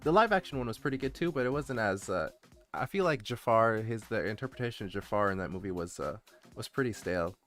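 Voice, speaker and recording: A man's voice: on the low side, lively intonation, fast talker, a bit bright, faint music behind. A man chatting casually on a livestream, rambling and hesitant as he answers his viewers and gets easily distracted. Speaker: streamer, VTuber introducing his channel. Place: indoor streaming setup, background music behind the voice.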